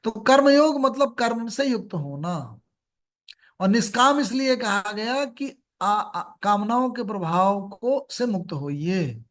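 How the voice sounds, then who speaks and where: A middle-aged man giving a measured spiritual discourse, explaining scripture and reciting Sanskrit verses. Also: high-pitched, animated, a bit bright. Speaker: Gita speaker.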